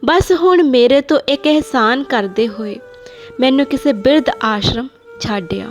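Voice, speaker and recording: A meek, sorrowful old grandmother, voiced by a woman in a read-aloud play, speaking softly and with resignation. Faint music sits under her words. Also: sits high, a little slow. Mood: resigned.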